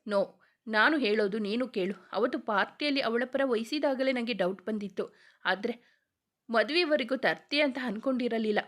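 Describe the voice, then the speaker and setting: A haughty, wealthy mother of the house, played by a woman with a slightly high voice. She talks down to everyone in a sharp, dismissive scolding tone, as in a spoken storybook. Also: normal speed, lightly acted. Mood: angry. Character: stern rich middle-aged mother.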